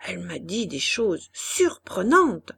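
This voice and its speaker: A woman reading the part of a brisk, pushy businessman husband in a storybook, coaxing and insistent. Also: high-pitched, big pitch swings, gravelly, a bit bright, slightly rough, exaggerated voice.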